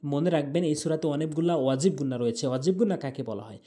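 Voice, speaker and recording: With a slightly high, warm voice, a man instructs listeners in Quran pronunciation. He names each letter and vowel in turn before slowly chanting the verse in long, drawn-out notes.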